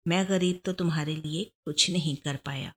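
A humble, kindly old man, as a woman storyteller puts him on. He speaks low, soft and slow. His tone is tender and warm-hearted. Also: fairly even intonation. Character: aged poor kindly old man, gentle.

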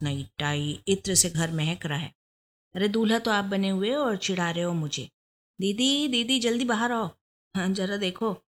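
A woman voicing a playful young sister who teases her brother, in a higher, lilting voice. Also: natural voice. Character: playful teasing young sister, chirpy girl.

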